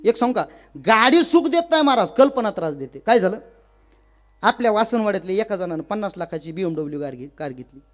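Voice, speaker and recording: A man preaching a comic devotional sermon, telling stories and acting out village women in a high wailing voice. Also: lively intonation, fast, soft background music. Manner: addresses listeners as maharaj. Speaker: kirtan preacher.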